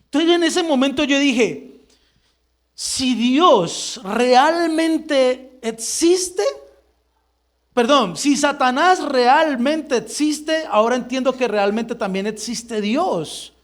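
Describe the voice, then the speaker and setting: A middle-aged man gives a lively church testimony, acting out the dialogue of his story. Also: very high voice, unhurried. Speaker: church member giving testimony.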